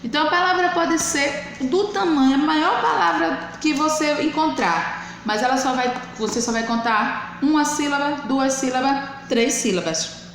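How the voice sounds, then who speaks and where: A primary school teacher with a slightly high, fairly bright female voice speaks slowly and clearly in a recorded remote lesson for children. She counts syllables in a slow, drawn-out way, and the echoey room carries faint hiss.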